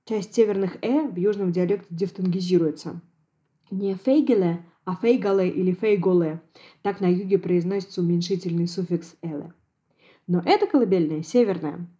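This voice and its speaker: A woman, a Yiddish language expert, giving a precise, measured scripted lecture on dialects. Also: on the low side, warm tone. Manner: measured, precise academic delivery.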